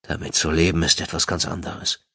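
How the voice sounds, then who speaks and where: A flustered husband who stalls with fillers and stammers as he dodges questions, voiced by a man in a deep register. The sound is dry and close, with a lively pitch. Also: a little fast, husky, no echo, heavily acted. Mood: nervous. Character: nervous evasive husband, adult man. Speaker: psychologist character. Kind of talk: audiobook dialogue.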